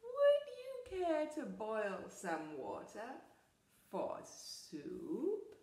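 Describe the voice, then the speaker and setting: A woman voicing a polite, sly, hungry fox in a storybook, with suave, drawn-out invitations. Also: a little high, wildly swooping pitch, mellow, reverberant, a little hiss or hum, voice pushed up, heavily acted. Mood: sly, inviting.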